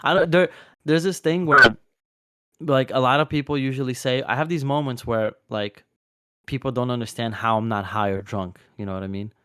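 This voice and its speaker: A man's voice: mid-range voice, moderate pace, bright, forceful tone, clean tone, no echo. Casual swearing young man, podcast chat. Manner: rambling storyteller, swears freely, many fillers. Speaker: podcast co-host.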